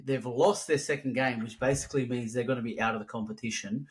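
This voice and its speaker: Male podcast co-host, average pitch, casual sweary sports banter, dismissive delivery. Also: fairly even intonation, fast.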